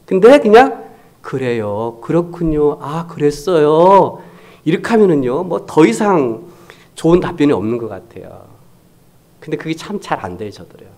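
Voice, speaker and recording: A man preaches a Sunday sermon as pastor in a church sanctuary, his voice on the high side and a little mellow. Very animated and fairly quick, he talks conversationally, acts out quoted remarks, and drops to near-whispers for emphasis.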